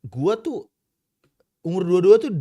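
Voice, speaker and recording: A man's voice: high-pitched, big pitch swings, moderate pace, warm tone. A man in his twenties talking casually while he plays a game, rambling, swearing and breaking off to react to the match. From Indonesia. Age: 20s. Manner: slangy, swears often, breaks off mid-thought to react to the game. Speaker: streamer. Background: game music.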